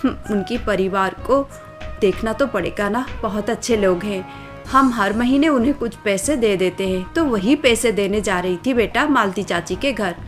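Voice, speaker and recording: A woman's voice: mid-range voice, moderate pace, close to an everyday voice. A woman voicing a caring middle-aged village mother who speaks in an affectionate, coaxing way, over faint music.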